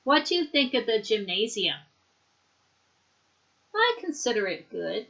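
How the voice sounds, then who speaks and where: A woman teaching English, leading a slow repeat-after-me drill and patiently explaining words and pronunciation. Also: fairly high pitch, sing-song, creaky, a bit bright, highs cut off.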